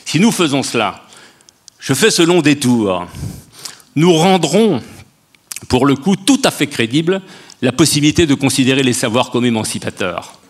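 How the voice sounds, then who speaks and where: A man's voice: mid-range voice, big pitch swings, normal speed, long pauses, slightly rough. An older man speaking as a guest on a public panel debate, making an impassioned case in long sweeping sentences into a handheld mic on a stage. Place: stage of a large dark auditorium.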